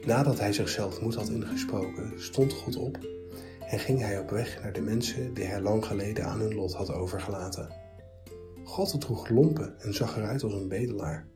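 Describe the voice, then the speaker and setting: A man narrating a story in a measured, even reading. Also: fairly low pitch, over music.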